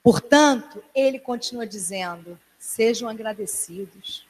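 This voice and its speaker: A woman pastor preaching a sermon in a church, earnest and emphatic, sometimes dropping to a hushed tone. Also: on the high side, a little slow. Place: church hall. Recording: long church hall reverb.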